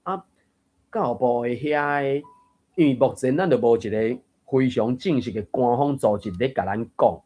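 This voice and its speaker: A man with a husky, slightly breathy voice leads a casual reading-group chat. He explains points patiently and thinks aloud, now and then chuckling. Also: medium pitch, moderate pace, dark tone. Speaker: host of a Taiwanese reading group. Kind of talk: casual discussion of a book reading.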